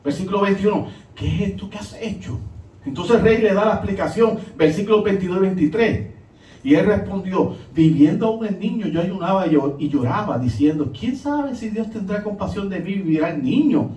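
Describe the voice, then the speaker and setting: A preacher delivers a sermon in a high, ringing voice, animated and brisk, swinging between emphatic peaks and hushed, low drops. The recording is echoey, and he sounds set back from the microphone.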